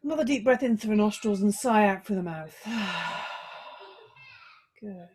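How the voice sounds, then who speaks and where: Pausing between phrases, a woman who teaches yoga gently and slowly coaxes listeners through relaxing and checking in with their bodies. She speaks expressively in a mid-range voice, with a slight hiss or hum audible.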